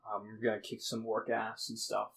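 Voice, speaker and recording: A man's voice: lowish voice, monotone, normal speed, gravelly, a bit bright, a little hiss or hum, low-quality recording. Rambling, profane young man recapping a game. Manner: rambling, profane, restarts often; acts out characters' lines in snippets. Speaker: podcast host recapping a tabletop game. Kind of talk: casual storytelling recap.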